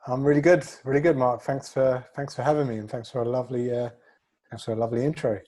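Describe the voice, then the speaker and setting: Speaking at a quick pace with a steady, slightly mellow medium-pitched voice, this man has a London accent and comes from North London. He's a fitness coach around forty, likely in his 30s or 40s, giving casual, humble, self-effacing answers as an interview guest.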